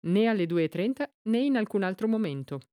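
A woman voicing a calm, shrewd elderly female amateur detective in an audiobook, speaking quietly. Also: mid-range voice, brisk, no echo, clean studio sound, lightly acted. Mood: calm, dry.

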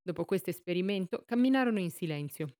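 Woman reading a novel aloud, lowish voice. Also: lively intonation, quick pace, mellow. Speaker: audiobook reader.

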